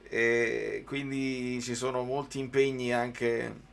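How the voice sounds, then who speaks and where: A man's voice: mid-range voice, level tone, slow, creaky. A man giving live football commentary mixed with informal, conversational chat to viewers.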